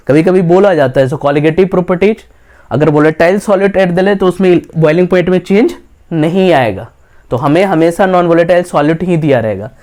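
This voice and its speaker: A man's voice: high-pitched, a little mellow. A man teaching a chemistry lecture in mixed with English terms, firing rhetorical questions at the class and answering them himself. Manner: mixes English science terms into Hindi.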